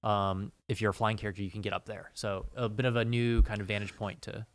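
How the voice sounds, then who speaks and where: A man's voice: fairly low pitch, little pitch movement, fast talker. A man presenting game updates as a developer in casual, explanatory show talk.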